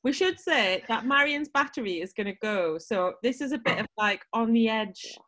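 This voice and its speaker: A woman's voice: a little high, expressive, moderate pace, a bit bright. A woman co-hosting an advice podcast, chatting casually and laughing often. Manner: chatty, laughs often, reads listener letters. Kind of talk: casual chat.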